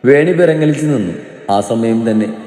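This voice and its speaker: A male storyteller giving an expressive, dramatic narration of an emotional story, with a mellow voice in a roomy, echoing space. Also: medium pitch, normal speed, faint music behind. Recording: roomy reverberant room.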